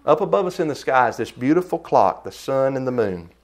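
A man preaching a sermon in an emphatic style, his voice jumping up in pitch and loudness to stress points. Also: big pitch swings, brisk.

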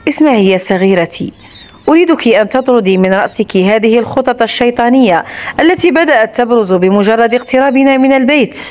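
Brief: sardonic husband, mocking and softly menacing, read by a woman with a high voice. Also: expressive, quick pace, natural voice. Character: sardonic, controlling young husband.

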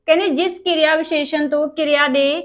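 A woman's voice: sits high, fairly even intonation, fairly quick, a bit bright. A woman teaching grammar, asking the class questions and then answering them herself. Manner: Punjabi-style informal speech. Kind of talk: explaining grammar to students.

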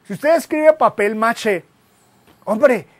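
High-voiced man lecturing. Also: slow pace. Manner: lively, asks rhetorical questions, jokes at himself. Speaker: guest web consultant. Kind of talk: classroom lecture.

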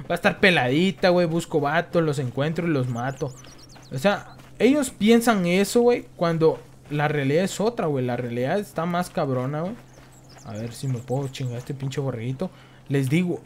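A young Mexican man with a slightly high-pitched voice, talking over his own gameplay. He swears freely and fills almost every phrase with street slang, in a loose, rambling commentary. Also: a little mellow. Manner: profane, slangy, says "güey" after nearly every phrase. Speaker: gameplay streamer.

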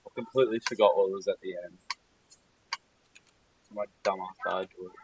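A man with a fairly low voice comments on his game stream in a loose, grumbling way, often mocking his own mistakes. Mouse clicks and steady noise sit clearly under his voice on the recording. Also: normal speed, poor audio. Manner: frustrated, self-mocking, muttering asides while playing. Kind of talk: casual gaming livestream commentary.

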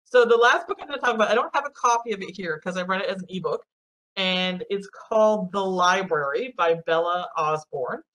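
A woman's voice: mid-range voice, a little fast, fairly bright tone, poor audio. A woman with a Newfoundland accent hosting a casual book chat in an upbeat, chatty way. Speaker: library podcast host.

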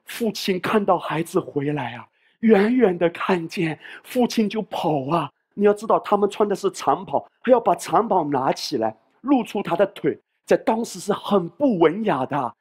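A man preaching a sermon with a husky, slightly breathy voice. His pitch swings widely as he talks in a conversational, storytelling way, and he slips into acted-out voices and asides. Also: animated, normal speed, a little mellow. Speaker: pastor.

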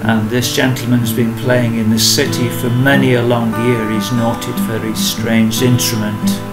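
A man's voice: mid-range voice, flat delivery, unhurried, low-quality recording. A man narrating a casual street tour and interviewing buskers, speaking in a chatty commentary manner. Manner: chatty, touring commentary with asides. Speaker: host and interviewer. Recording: loud busker music in background. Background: loud street music.

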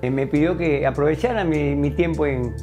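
A man with a Peruvian accent, a firefighter and cooking vlogger, talking earnestly and haltingly, often repeating words as he searches for them. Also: a little high, mellow, soft background music. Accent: Peruvian Spanish. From Peru. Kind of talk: interview and vlog talk.

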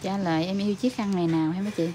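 Mellow-voiced Southern Vietnamese nail technician. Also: female voice, medium pitch, fairly even intonation, very fast, a little hiss or hum. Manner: gentle, reassuring, explains as she works. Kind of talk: livestream commentary while working.

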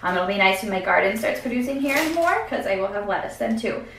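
A young woman talks through her groceries in a relaxed, chatty way, thinking aloud with little fillers. Her voice sits at an ordinary middle pitch and reaches the camera from a few steps away. The home kitchen adds a noticeable echo and a faint hum of room sound. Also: fast, gravelly, distant mic. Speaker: vlogger. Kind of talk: casual grocery haul walkthrough. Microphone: camera at a distance. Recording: echoey kitchen, voice from off the mic.

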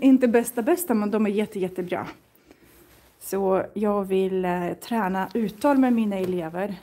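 A woman's voice: medium pitch, warm tone. A woman chatting casually to viewers as she browses and borrows books in a library, thinking aloud and reading titles out. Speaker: Swedish teacher and vlogger.

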